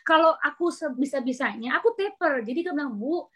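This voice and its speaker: Wanita dokter anak asal Indonesia, suara tinggi, bercerita dengan hidup. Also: female voice, high-pitched, a little fast. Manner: animated storyteller, mixes English terms. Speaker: pediatrician guest. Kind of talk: casual interview chat.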